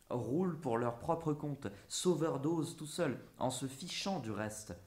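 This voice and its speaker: A man's voice: medium pitch, darkish tone. A man reading a literary essay aloud in a musing, theatrical way. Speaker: narrator. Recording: roomy echo.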